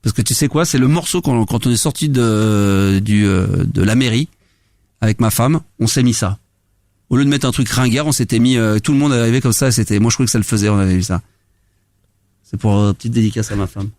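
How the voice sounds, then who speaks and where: A man's voice: lowish voice, brisk, a little mellow, dry recording, studio quality. Rambling, chatty male radio host. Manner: rambling, hesitant, chatty, swears casually. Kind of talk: free-form late-night radio show. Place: radio studio.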